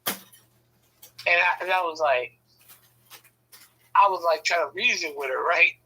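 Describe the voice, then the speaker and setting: A man's voice: fairly high pitch, takes it slowly, bright, forceful tone, husky, low-quality recording. A man casually telling a rambling, profane story, often checking in with "right?". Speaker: podcast host telling a story.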